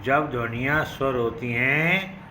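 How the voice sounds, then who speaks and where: Slow, deliberate male teacher. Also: mid-range voice, sharp tone, slight background noise, rough recording. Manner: slow, deliberate, reads each English phrase then explains it in Hindi; addresses students as son. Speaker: English teacher. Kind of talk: bilingual lecture.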